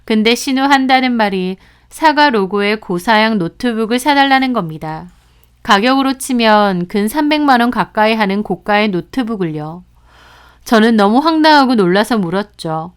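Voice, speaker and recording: A woman narrating a scripted first-person story in an even, measured storytelling manner. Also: fairly high pitch, smooth.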